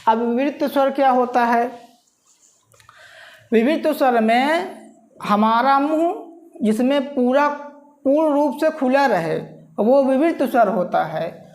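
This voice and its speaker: A woman's voice: high-pitched, lively intonation, slow, pauses often, darkish tone. A woman teaching a grammar lesson, repeating each term word by word as if dictating, and asking listeners to say the sounds aloud.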